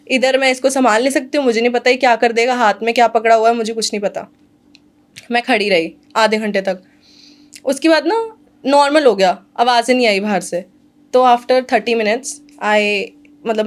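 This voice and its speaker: A woman guest telling a personal story in conversation. She talks earnestly, repeats fillers and slips English phrases into her speech. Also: fairly high pitch. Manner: earnest, filler-heavy retelling with quoted dialogue; mixes Hindi with English phrases.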